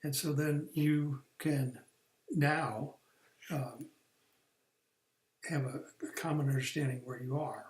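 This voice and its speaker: A man talks through a recorded career-training lesson in a somewhat high voice. He explains the steps patiently, with fillers and false starts. The sound is echoey, as if recorded in a bare room. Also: steady tone, slow pace, pauses often, darkish tone. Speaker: career coach.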